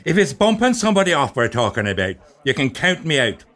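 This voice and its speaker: Gullible Irish sidekick male actor, fairly high voice, quaint wordy phrasing, very animated, audio drama. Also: brisk. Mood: wary. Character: gullible, good-natured Irish drinking pal, a bit slow.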